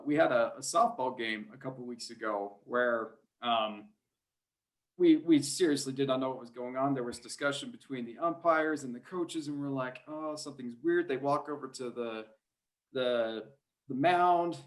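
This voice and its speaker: A high school sports play-by-play announcer, appearing as a podcast guest, tells anecdotes in an easygoing, chatty, self-deprecating way. His voice is a little high and a bit bright.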